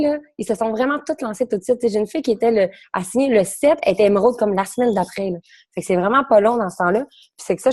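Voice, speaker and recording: A young woman with a Quebec French accent speaks in a fairly high, slightly mellow voice, with something catching in her throat. She's a coach sharing her experience at a casual round-table, talking fast, rambling, and correcting herself as she goes.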